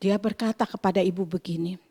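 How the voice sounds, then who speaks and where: A woman teaching Sunday school, telling children a story in an animated way and asking them questions. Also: mid-range voice, fast, in a large hall.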